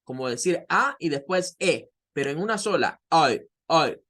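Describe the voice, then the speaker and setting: A man teaching an introductory English class, who explains patiently and models sounds slowly. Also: a little high, expressive, sharp tone. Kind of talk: online class lecture.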